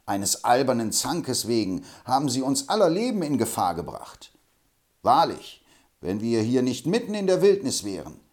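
A man reading an audiobook, voicing a calm, stern frontier hero who speaks firmly and commandingly. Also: medium pitch, voice pushed up, lightly acted. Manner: firm and commanding.

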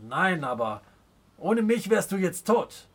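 A man's voice: high-pitched, sing-song, takes it slowly, exaggerated voice. A man voicing a nervous, boastful oil prince in an audiobook, speaking in a subdued, uneasy way.

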